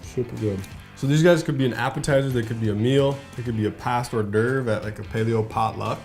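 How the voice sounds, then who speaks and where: A man with a mid-pitched voice hosts a casual cooking show, upbeat and chatty as he talks viewers through each step. Faint music and the sizzle of frying sit quietly behind him. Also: fairly quick. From Minnesota. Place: garage kitchen. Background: faint background music and frying.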